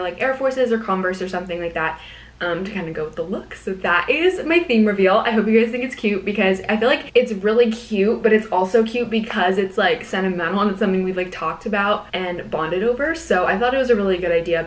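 A young American woman, a college student, chatting casually to vlog viewers like a bubbly, gushing sorority girl who says "like" constantly. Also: mid-range voice. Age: young adult.

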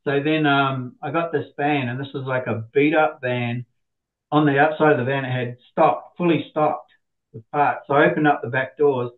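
A middle-aged man telling stories as an interview guest, chatty and quick to poke fun at himself. His voice sits at an ordinary pitch for a man. The sound is thin and phone-like. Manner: chatty, self-deprecating, animated quoting of others. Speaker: interview guest, business owner. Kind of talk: casual anecdotal storytelling. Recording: tinny phone-like line.

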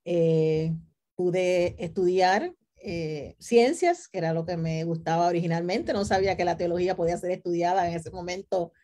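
A middle-aged Puerto Rican woman, a theology professor serving as a panelist, introduces herself conversationally on a video call, often adding tag questions to check in. Her voice is fairly low and dark at a moderate pace, picked up by a computer mic in an indoor room with bookshelves.

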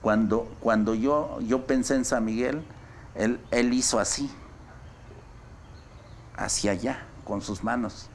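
A man's voice: mid-range voice, slow pace, pauses often, slight background noise. A man, a traditional healer, earnestly recounting a personal story, repeating words as he goes. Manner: earnest, repeats words, acts out quoted dialogue.

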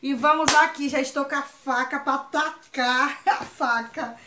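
A woman's voice: sits high, steady tone, unhurried, roomy sound, noisy background. A woman from Ceará with a Northeastern Brazilian accent, chatting effusively and exclaiming often as she unboxes on her vlog. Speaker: vlogger.

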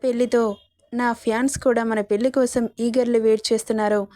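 A teasing, coaxing young male lover, read out by a woman storyteller. The voice sits a little high and sounds mellow and warm, recorded close and dry. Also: flat delivery, brisk, dry recording, lightly acted. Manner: coaxing, playful.

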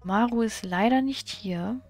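Gravelly-voiced woman gamer, chatty. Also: fairly high pitch, a little slow, darkish tone, faint music behind. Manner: chatty, comments on her plans and reads game text aloud. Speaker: let's play gamer. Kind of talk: casual game commentary.

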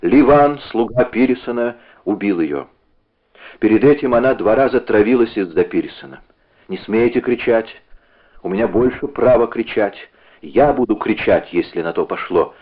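A man voicing a tormented young man bent on revenge, confessing in halting, intense bursts. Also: on the low side, animated. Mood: fierce. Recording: narrow phone-like audio.

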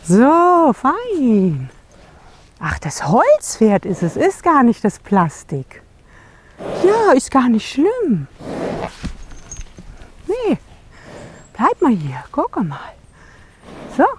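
A woman horse trainer talks gently and slowly to a nervous horse, praising it over and over in a lively, rising sing-song. Her voice sits a little high and is picked up from a distance by the camera, with faint noise behind her. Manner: coaxing, soothing, frequent praise; talks gently to the horse, with short asides to the viewer. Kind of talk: coaching a horse during groundwork.

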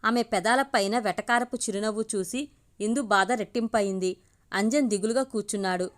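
A woman reading a family story aloud as a steady storyteller. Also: medium pitch, normal speed. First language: Telugu.

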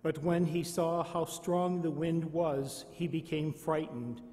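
Slow priest with cathedral echo. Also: male voice, fairly high pitch, fairly even intonation, mellow. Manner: slow, measured proclamation. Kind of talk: liturgical Gospel reading at Mass. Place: large church. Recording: long cathedral reverb.

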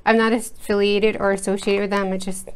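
Brisk and flat in delivery, this American woman's mid-range voice carries an art video recorded at her home desk. She rambles casually, full of fillers and restarts. An overhead camera captures her work while she remains off-screen, and a little background noise can be heard.

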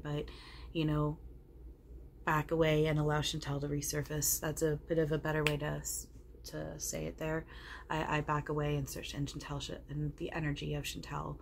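A woman acting as seance medium for a male spirit with a low, everyday voice. The channeled spirit is blunt, loving and preachy, swearing freely while reassuring listeners. There is faint noise from the living room. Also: flat delivery, normal speed, vocal fry. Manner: emphatic, profane, reassuring, preachy. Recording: noticeable background room noise.

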